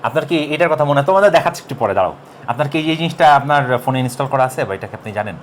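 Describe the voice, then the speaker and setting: Young male teacher, animated delivery, quick pace, casual jokey lesson. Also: mid-range voice, a little hiss or hum. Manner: lively, jokey, talks to viewers as you. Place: classroom recording.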